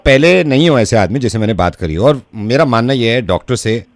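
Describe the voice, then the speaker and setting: A radio jockey making a prank phone call from a studio, feigning confusion and repeating himself, then ranting loudly. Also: male voice, mid-range voice, animated, brisk, very noisy.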